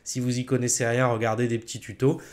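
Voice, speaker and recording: A man with a French accent walks viewers through a software install in a casual tutorial, chatty and full of fillers, often correcting himself. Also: medium pitch, level tone, fast. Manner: chatty, many fillers and self-corrections, chuckles at own slips. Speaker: tech tutorial host.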